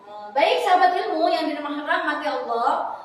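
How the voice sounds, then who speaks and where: A woman teaching Quran recitation rules, chanting Arabic examples slowly and then correcting wrong readings in plain speech. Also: high-pitched, animated, a little hiss or hum. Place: foundation office classroom. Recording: echoey hall, far from mic.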